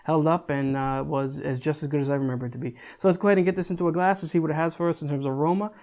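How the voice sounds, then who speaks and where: A man's voice: fairly high pitch, steady tone, rapid-fire, darkish tone. Chatty young man reviewing beer. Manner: chatty, loose, swears casually, lots of restarts. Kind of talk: casual video review.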